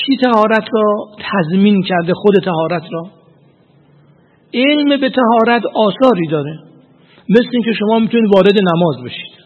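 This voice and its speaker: A man teaching jurisprudence in a lecture, arguing deliberately and putting questions to his students. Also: high voice, breathy edge. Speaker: seminary teacher of Islamic jurisprudence. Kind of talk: lecture on legal theory. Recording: tinny phone-like sound with long reverb.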